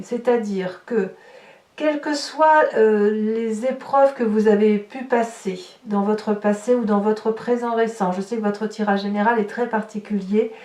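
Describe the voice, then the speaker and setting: Her voice is a little high with a darkish tone. This tarot reader and horoscope host improvises a spoken reading for her viewers, explaining along the way and searching aloud for the right words, captured by a distant microphone in an echoey room.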